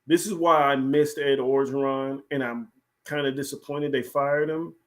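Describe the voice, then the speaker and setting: A man, co-hosting a casual sports talk show and making his points with animated emphasis. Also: mid-range voice, normal speed, a crowd in the background. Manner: animated, emphatic, repeats "here's the thing". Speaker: podcast co-host.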